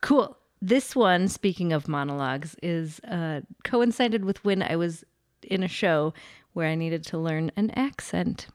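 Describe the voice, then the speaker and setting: A woman's voice: lowish voice, a little slow. A young woman, a preschool teacher, chatting casually about her recordings, full of filler words and laughter. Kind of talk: casual podcast chat.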